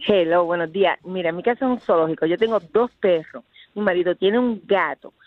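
An older woman, a grandmother, calling in and rattling off a quick list of the pets in her home. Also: lowish voice, dry recording. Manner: rapid, listing things off. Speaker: caller. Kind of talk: call-in chat. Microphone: phone. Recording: tinny phone line.

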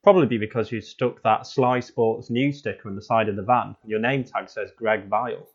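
A man as co-commentator on a spoof football show, with a deadpan, cynical pundit delivery. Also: on the low side, normal speed, muffled recording.

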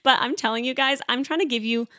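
Young woman rambling fast on her podcast, lots of likes, kinda high voice, dry close mic. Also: sharp tone, dry recording. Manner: fast, chatty, lots of "like" fillers. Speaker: podcast host. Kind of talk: casual solo podcast talk.

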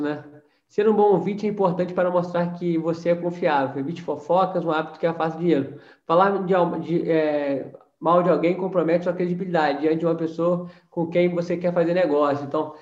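Brazilian guy pumping up his sales team, high voice, echoey room, kinda muffled. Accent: Brazilian Portuguese. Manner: energetic, preachy, keeps adding tag questions. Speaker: network marketing mentor. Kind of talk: motivational training talk. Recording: roomy, dull lo-fi sound.

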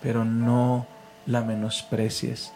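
A man's voice: medium pitch, monotone, slow pace, gravelly, mellow, soft background music, low-quality recording. A man, a pastor and podcast host, preaching casually, telling stories and leading a call-and-response prayer. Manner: leads call-and-response prayer, fervent and storytelling.

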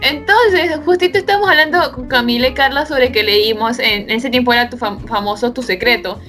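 A young woman with a high, bright voice tells a funny story to her co-hosts, animated and laughing. Soft music plays faintly behind her. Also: fairly quick. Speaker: podcast co-host. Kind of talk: casual storytelling chat.

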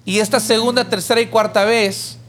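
A man speaks in a fairly high voice, teaching conversationally on a church podcast. He tells stories with animation and lifts his voice when acting out characters. A faint noise sits under the recording. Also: normal speed. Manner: animated storyteller who raises his voice for the pleading character. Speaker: podcast co-host.

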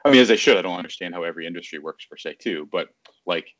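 Speaking rapid-fire from his city apartment, this Virginia baseball journalist in his thirties gives a casual interview over a video call. His low voice has lively intonation and a fairly bright tone, and the recording is dry. He tends to ramble, fill pauses with fillers, and frequently fix what he's saying partway through.

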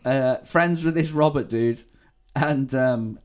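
A man's voice: mid-range voice, slow pace. A man co-hosting a casual podcast, rambling and swearing freely as he tells a story. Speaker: podcast co-host. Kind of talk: casual true-crime podcast chat.

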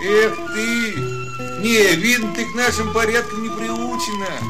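An actor playing a cocky, naive young peasant lad in a fairy-tale audio drama, blunt and folksy. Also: male voice, high voice, fairly even intonation, measured pace, over loud music. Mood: doubtful, scolding.

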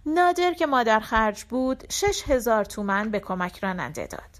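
Woman narrating a story, fairly high voice. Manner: measured, even storytelling. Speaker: audiobook narrator. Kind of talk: audiobook narration of a short story.

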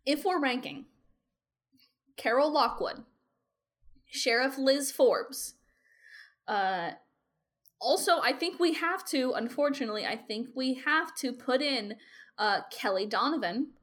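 High-pitched woman chatting casually. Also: expressive, measured pace, long pauses, fairly bright tone. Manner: informal, uses like often. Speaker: podcast co-host. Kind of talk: casual chat.

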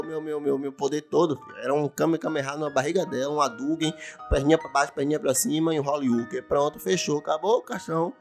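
A young man telling a comic story from his own life, animated and full of swearing and repetition. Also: mid-range voice. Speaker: podcast storyteller. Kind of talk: comic first-person storytelling.

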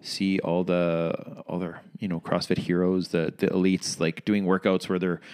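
Relaxed low-voiced man coach, forties. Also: normal speed, clean tone. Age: 40s. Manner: relaxed, easygoing, with many fillers like "like" and "you know". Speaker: fitness coach interviewing a gym member. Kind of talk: casual chat. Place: gym.

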